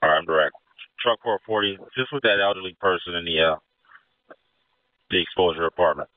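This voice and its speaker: A man acting as incident commander, giving brisk orders over a two-way radio. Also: low voice, no echo. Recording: narrow phone-like radio channel.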